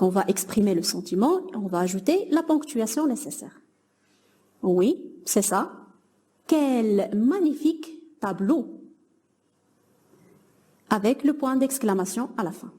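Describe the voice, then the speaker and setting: A woman's voice: medium pitch, expressive, a little slow, long pauses, mellow. A young woman teaching a grammar lesson to middle-school pupils, patiently explaining and praising imagined answers.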